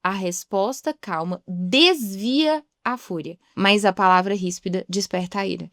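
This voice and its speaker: A woman's voice: mid-range voice, unhurried, a bit bright, no echo, clean studio sound. A young woman giving a reflective devotional talk in a chatty way, acting out the voices she quotes.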